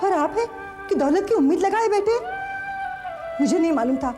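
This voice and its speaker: A woman's voice: a little high, normal speed, close to an everyday voice. A woman playing a hurt young wife. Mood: indignant. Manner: pleading, emotional. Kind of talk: TV serial acting. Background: background music score.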